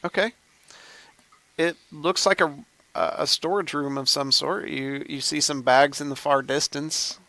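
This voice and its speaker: Gravelly, bright-toned male game master. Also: on the high side, steady tone, no echo. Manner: descriptive, unhurried scene-setting narration. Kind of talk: narrating a tabletop game.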